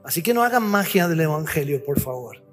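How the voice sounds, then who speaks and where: Guy preaching, high voice, big echoey hall, soft music behind, pushes hard then goes quiet. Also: very animated, brisk. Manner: emphatic, rhetorical questions, swings from loud to hushed. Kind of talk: sermon.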